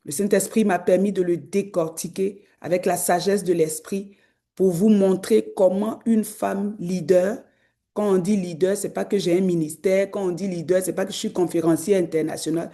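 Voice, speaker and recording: A woman preacher, delivering an exhorting sermon that climbs to loud, emphatic peaks. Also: fairly low pitch, steady tone, moderate pace. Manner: acts out quoted voices.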